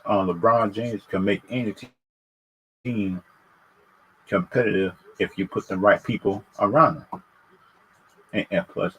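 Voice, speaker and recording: This livestream host's voice sits fairly low with a breathy edge, and the recording is rough. He speaks casually and without a script, giving his views in a halting way, tripping over and repeating phrases.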